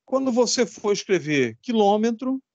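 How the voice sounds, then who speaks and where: A man's voice: sits high, big pitch swings, moderate pace, a little mellow, dry recording, dull audio. Emphatic male electronics teacher, dry sound. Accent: Brazilian Portuguese. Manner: emphatic, repetitive, asks the class rhetorical questions. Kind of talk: recorded classroom lesson.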